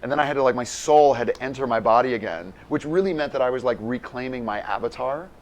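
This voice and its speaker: A man's voice: medium pitch, fast talker, poor audio. A man co-hosting a live game stream, chatting casually and rambling with lots of filler words. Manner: rambling, animated, many "like" fillers. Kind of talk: casual chat while playing a game.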